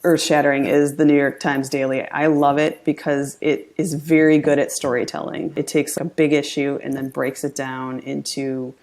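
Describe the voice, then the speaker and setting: Brief: middle-aged woman, podcast guest, low gravelly voice, chatty and upbeat. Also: level tone, moderate pace, few pauses, darkish tone. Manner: upbeat, laughs often, chatty storyteller. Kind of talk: casual interview chat.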